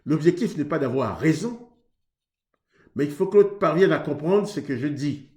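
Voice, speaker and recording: In a roomy recording, a Haitian man with a slightly high, dark, expressive voice preaches earnestly about marriage at a moderate pace. His conversational sermon plays out both partners' sides of an exchange.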